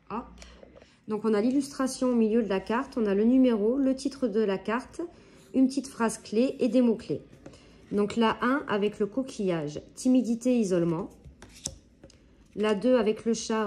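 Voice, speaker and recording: Une femme qui présente un jeu d'oracle en bavardant et énumère les mots-clés des cartes avec de petites hésitations. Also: female voice, medium pitch, dark tone, slight background noise. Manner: chatty, lists keywords with quick hesitations. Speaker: oracle deck reviewer. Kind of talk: casual unboxing and card reading.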